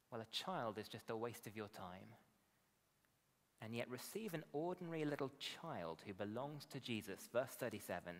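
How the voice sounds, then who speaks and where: A man's voice: mid-range voice, fairly bright tone. British man preaching in an echoey hall. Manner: conversational, frequent tag questions. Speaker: pastor, preacher. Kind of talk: sermon. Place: indoor hall, at a lectern. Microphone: lectern gooseneck microphones.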